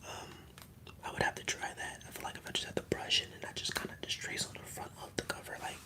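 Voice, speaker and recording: An ASMR streamer whispering in a casual, rambling, slangy way while chatting on a livestream. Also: quick pace. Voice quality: whispered, mostly unvoiced.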